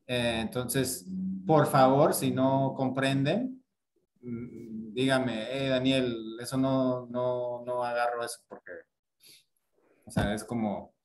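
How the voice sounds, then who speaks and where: A man teaching grammar in a relaxed online lesson. He speaks slowly, at an even middle pitch, and explains patiently. He fills pauses with hesitations and keeps checking in with short tag questions. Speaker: Spanish teacher.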